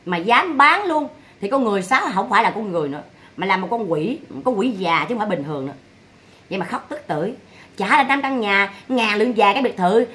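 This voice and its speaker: A woman's voice: a little high, pushed and bright. A woman, scolding and mocking someone in a vlog monologue full of rhetorical questions. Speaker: vlogger commenting on family drama.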